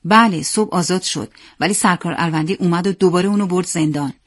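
A woman voicing a nervous, excited young boy who talks in a hushed, eager way. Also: fairly low pitch, no room sound, clean studio sound, natural voice.

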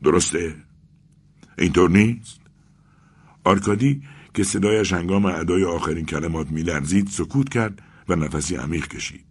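A man narrating an audiobook in a quiet, measured way. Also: low voice, breathy edge.

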